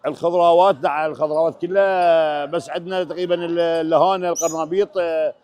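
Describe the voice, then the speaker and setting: A man with a western Iraqi Arabic accent talks quickly in a slightly raised register. He is a produce seller speaking casually in an interview. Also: fairly high pitch, steady tone, a little mellow.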